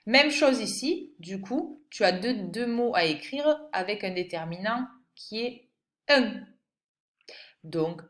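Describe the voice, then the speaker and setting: Woman, primary teacher, French accent, patient and slow, talks straight to the child, roomy recording. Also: medium pitch. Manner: patient, addresses the child directly, spells out letters. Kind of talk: recorded phonics lesson for a young child.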